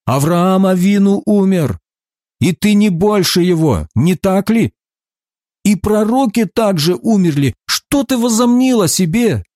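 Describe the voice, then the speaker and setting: Indignant male challengers arguing back, as one reader voices them. The voice rises high with a lot of pitch movement, and the sound is dry and close. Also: very animated, slow pace, a little mellow, dry recording, full character voice.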